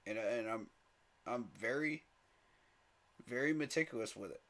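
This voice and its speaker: Speaking at normal speed with a medium-pitched, slightly bright voice, a man runs a live sports fan stream. He addresses his chat directly in an emphatic, pleading way and laughs a little at rival fans.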